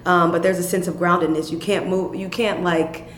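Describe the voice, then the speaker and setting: A young stage actress from Chicago talks fast and animatedly in an interview conversation, often laughing as she tells her stories. The room is echoey, with a faint rumble underneath.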